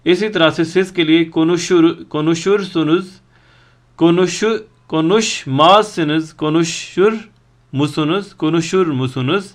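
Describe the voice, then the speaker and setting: A man teaching a language lesson, patiently explaining grammar and drilling word forms slowly one at a time. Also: a little high. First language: Urdu.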